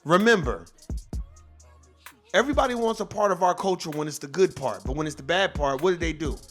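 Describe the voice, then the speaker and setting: A man's voice: on the high side, animated, a little fast, a bit bright, faint music behind. A man hosting his own channel, ranting in a heated, profane and emphatic way, with speech. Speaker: host. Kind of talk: casual rant to viewers.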